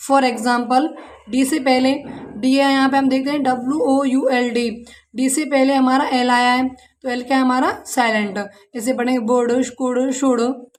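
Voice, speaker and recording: A woman with a high voice and an Indian accent teaching a patient English lesson. She spells words out letter by letter, quizzes her pupils and answers for them. She calls them "beta" like a mother. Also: level tone, moderate pace. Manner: spells words letter by letter and asks the students questions. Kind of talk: classroom-style language lesson.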